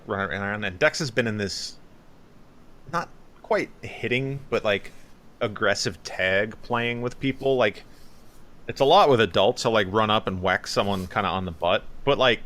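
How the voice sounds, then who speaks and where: A man's voice: lowish voice, fairly bright tone. A man in his thirties, a podcast co-host telling stories in casual chat and acting out other people's voices.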